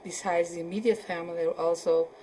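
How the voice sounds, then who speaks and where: A woman in her seventies from Poland, answering questions in an oral history interview and often pausing to search for words. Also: lowish voice, fairly even intonation, dark tone, slight background noise, poor audio. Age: 70s. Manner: hesitant, searching for words with many fillers.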